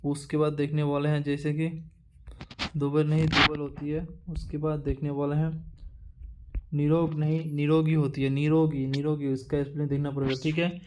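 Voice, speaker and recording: A male teacher running an exam-prep lesson, reading through a word list in a repetitive drilling way with halting restarts. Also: fairly high pitch, little pitch movement, background noise.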